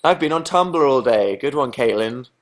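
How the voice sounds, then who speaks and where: A young Englishman hosts a relaxed live chat, reading viewer comments and responding to them one at a time. His humour is sarcastic and deadpan, often aimed at himself, and he speaks at an ordinary middle pitch and normal speed.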